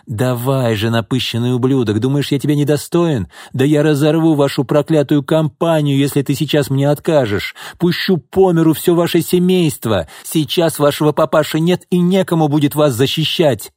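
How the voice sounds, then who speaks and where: A man voicing a drunken, pushy middle-aged businessman in an audiobook, needling, bitter and rising into angry shouts. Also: medium pitch, big pitch swings, moderate pace, slightly rough, dry recording, clean studio sound. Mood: drunken rage. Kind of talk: audiobook character reading.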